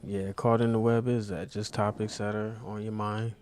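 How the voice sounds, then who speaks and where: A man hosting a podcast in casual chat, relaxed and easygoing, trailing off with fillers. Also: lowish voice, normal speed. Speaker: podcast host.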